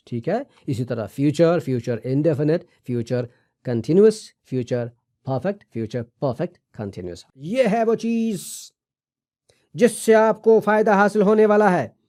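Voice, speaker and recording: A man teaching an English lesson by video, patiently repeating key terms slowly and reminding viewers to remember them. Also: on the high side, darkish tone. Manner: reassuring, asks viewers to remember.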